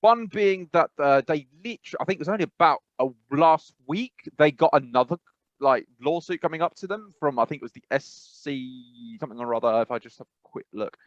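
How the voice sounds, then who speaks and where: Recorded on a dull, dry lo-fi mic with no room sound, an English man co-hosts a casual podcast in a medium-pitched voice. He rambles and hesitates, full of fillers and restarts, and laughs as he talks.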